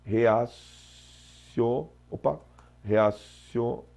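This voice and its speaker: A Brazilian teacher with a fry-edged, mid-pitched male voice works through exam questions. He explains step by step, checking in with the students often. It sounds like a plain desk-mic lesson. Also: drawn-out words, dull audio. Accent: Brazilian Portuguese.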